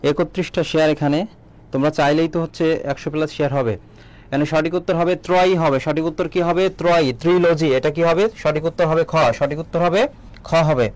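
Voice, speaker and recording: A young man runs a live exam-prep lesson, firing quick questions at his viewers and reading their answers aloud. His voice sits a little high for a man, and he keeps a steady teaching rhythm. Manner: quizzing viewers, reading out comments. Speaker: admission coaching teacher.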